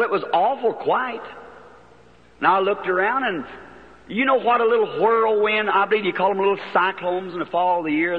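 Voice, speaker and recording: A man preaching in a high, homespun voice, full of rural turns of phrase. The old archival recording sounds dull and lo-fi. Long reverb from a large hall trails behind his words. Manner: folksy, plain-spoken storytelling with rural turns of phrase. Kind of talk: sermon storytelling.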